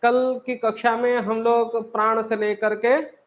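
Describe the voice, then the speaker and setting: A man's voice: very high voice, level tone, unhurried, dull audio. A man teaching a class, explaining step by step and asking and answering his own questions. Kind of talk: classroom lecture.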